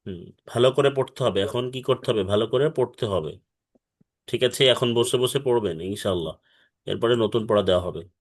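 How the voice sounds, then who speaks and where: A man teaching Quran reading over an online call, patiently correcting students and slowly demonstrating each syllable. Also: mid-range voice. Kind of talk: online tutoring. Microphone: online video call.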